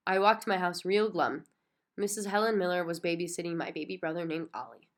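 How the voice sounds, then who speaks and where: Female reader, children's book, expressive storyteller, lower register. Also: fairly quick. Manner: expressive, childlike first-person narration. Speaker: audiobook reader. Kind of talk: reading a children's book aloud.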